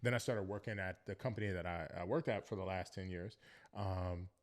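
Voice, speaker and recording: A young professional football player from Northern Virginia, United States, appears as a guest on a podcast for a casual interview chat. His fairly low voice is steady and brisk, and he speaks reflectively and earnestly, often circling back to be understood and leaning on "you know what I mean."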